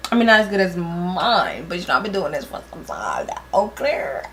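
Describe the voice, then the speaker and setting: A woman's voice: on the low side, huge pitch swings, normal speed. A woman in her twenties, tipsy and giggly, chatting casually with blunt, teasing, swear-happy remarks while doing makeup. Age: 20s. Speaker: vlogger doing a makeup challenge.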